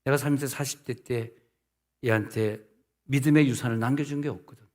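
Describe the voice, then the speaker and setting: A man's voice: mid-range voice, steady tone, fairly quick, a little mellow. A middle-aged man, a senior pastor, preaching a sermon in a conversational way, asking his listeners rhetorical questions and acting out the people he quotes.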